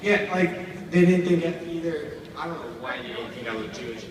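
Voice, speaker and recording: A young American man in his early twenties doing amateur live stand-up, rambling and halting as his jokes fall flat. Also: fairly high pitch, crowd noise. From United States, grew up outside Indiana. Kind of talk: live stand-up comedy, joke bombing. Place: stage at a live event. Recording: echoey, noisy hall, recorded from far off.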